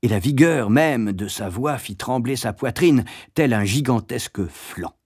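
A man reads a memoir aloud with an animated, lively voice that rises and falls widely. His tone sits at a medium pitch. The recording is dry and close. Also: a little slow, breathy edge, no echo. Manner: expressive, lively storytelling. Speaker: narrator. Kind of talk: audiobook narration of a memoir.

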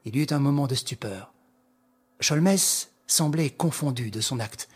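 A man narrating a classic novel aloud in a slow, measured, dramatic reading. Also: medium pitch, animated.

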